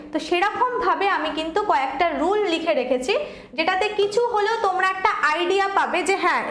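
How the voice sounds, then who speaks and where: A woman's voice: very high-pitched, a bit bright, roomy sound. A woman teaching an online English lesson, patiently repeating points and checking that students follow.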